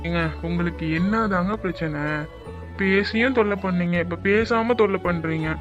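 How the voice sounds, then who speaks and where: A man's voice: sits high, normal speed, close to an everyday voice. Man voicing a polite, pleading young cartoon man. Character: young man Karthik, polite, remorseful co-worker. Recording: dull lo-fi audio with music bed.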